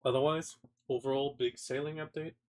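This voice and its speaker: A man's voice: medium pitch, steady tone, a little fast, darkish tone. A man with a cold talks through game patch notes in a casual, offhand way. His voice is stuffy and nasal, and he trips over words as he goes. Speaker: gaming content creator.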